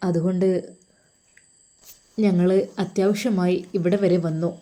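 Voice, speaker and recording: A woman's voice: lowish voice, fairly even intonation, unhurried, mellow, lightly acted. A woman voicing a polite, dutiful male police officer explaining his orders in an audio story. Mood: formal. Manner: formal, explaining.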